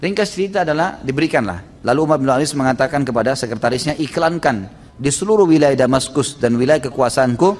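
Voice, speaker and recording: A man's voice: medium pitch, expressive, fast, a little mellow. A male preacher telling a religious story in a casual style, often ending phrases with tag fillers. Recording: reverberant hall.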